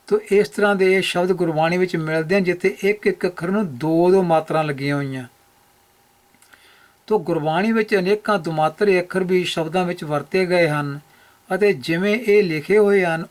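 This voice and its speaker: A man explaining scripture pronunciation rules over slides, methodical and repeating key points for emphasis. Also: high-pitched. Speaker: Gurbani pronunciation teacher.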